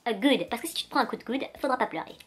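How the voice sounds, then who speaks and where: Sassy animated young woman vlogger. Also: fairly high pitch, very fast. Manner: sassy, animated, addresses viewer directly. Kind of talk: casual direct-to-camera rant.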